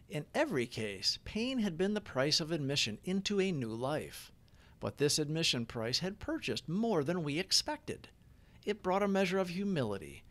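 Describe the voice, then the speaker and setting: A man who hosts a recovery channel reads prayers and daily reflections as scripted devotional narration. His voice is on the high side.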